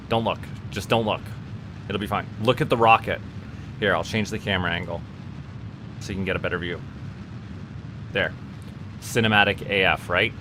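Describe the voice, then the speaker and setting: With a lowish voice and a noisy background, a male VTuber from Canada streams a game. His talk is casual livestream chat with viewers, full of rambling and stumbles over repeated words.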